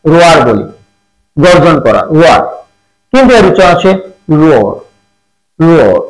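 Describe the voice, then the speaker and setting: A man's voice: fairly high pitch, sing-song, brisk, reverberant, poor audio. A man teaching English pronunciation, drilling each word by repeating it several times and asking rhetorical questions.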